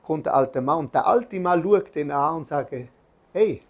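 A man's voice: fairly high pitch, normal speed. A man giving an earnest religious lesson, telling a story with restarts and filler sounds.

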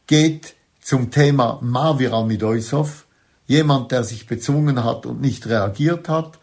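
A man teaching a religious lecture, stressing key words by slowing down and repeating phrases. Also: mid-range voice, a little mellow.

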